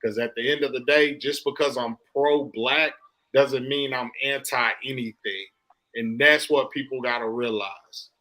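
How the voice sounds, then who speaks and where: A man's voice: mid-range voice, fairly even intonation, a little slow, bright, forceful tone, poor audio. A man hosting a podcast, delivering an impassioned, emphatic soapbox monologue in casual, slangy, profane speech, often repeating himself for emphasis. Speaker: podcast host.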